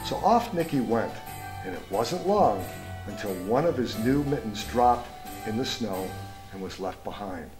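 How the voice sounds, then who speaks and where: A man with a medium-pitched voice narrates a picture book for children. He reads expressively and steps out of the text to speak to his young listeners. Music plays behind him. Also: low-quality recording. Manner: expressive, pausing to ask listeners questions about pictures. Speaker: storybook reader, school superintendent. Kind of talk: read-aloud children's storytime narration with asides to young listeners.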